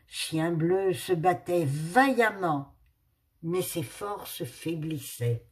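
Woman slowly reading a children's story. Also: fairly low pitch. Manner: expressive, unhurried storytelling.

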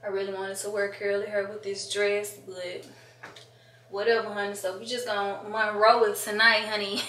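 A woman's voice: medium pitch, little pitch movement, moderate pace, fairly bright tone, far from the mic. A young woman vlogger chatting casually in a sassy, playful, slangy way as she gets ready for a night out. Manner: sassy, playful, slangy, peppering talk with "honey". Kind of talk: casual vlog chat while getting ready to go out. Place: small bathroom, indoors. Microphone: camera a step away or handheld. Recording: echoey bathroom, faint background noise.

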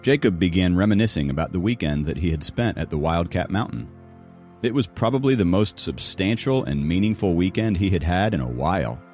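Deep-voiced male audiobook narrator. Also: animated, brisk, darkish tone, faint music behind. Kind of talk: scripted narration.

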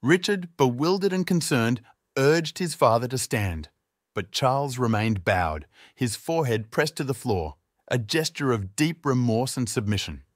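A man narrating a dramatic first-person story in a scripted, expressive reading. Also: medium pitch, measured pace, dry recording, studio quality.

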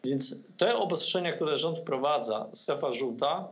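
A man's voice: on the high side, lively intonation, a little slow, a bit bright. A man in his fifties with a Polish accent, a commentator guest speaking over a video call, hesitant with many fillers and restarts. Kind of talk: video-call political discussion. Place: room at home. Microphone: laptop webcam on video call.

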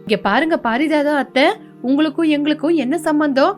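A woman voicing a young daughter-in-law in an animated story, soothing her in-law and firm with neighbours. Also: sits high, a little fast, soft background music, close to an everyday voice. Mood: defiant.

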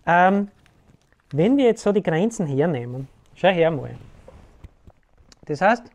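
Mellow-voiced man explaining casually. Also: high voice, big pitch swings, slow pace. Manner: keeps asking "ja?" to check in with the listener; loose, rambling, colloquial. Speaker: self-help video host. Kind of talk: casual explanatory talk to camera.

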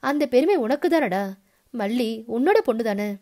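A woman's voice: a little high, very animated, moderate pace, dark tone. A woman reading aloud, voicing an elderly father who scolds his old friend fondly and teasingly in a storybook. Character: elderly father, gruff but loving.

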